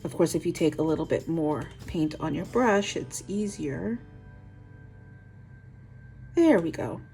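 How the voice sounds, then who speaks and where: A woman's voice: deep voice, lively intonation, moderate pace, dark tone, faint music behind. A woman with a New York accent hosting a nail art tutorial, talking through each step with chatty, self-deprecating asides.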